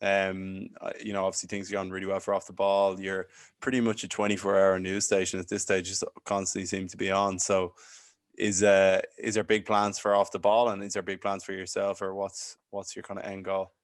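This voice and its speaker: A man hosts a podcast and asks his guest rambling, casual questions. His voice is very deep and stays flat, with little rise and fall. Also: brisk. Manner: relaxed, loosely phrased questions. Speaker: podcast host.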